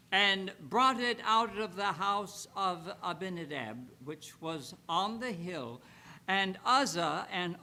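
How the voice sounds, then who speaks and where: A man reads scripture aloud in a high, bright, forceful voice. He goes slowly and solemnly, with emphatic phrasing and frequent pauses.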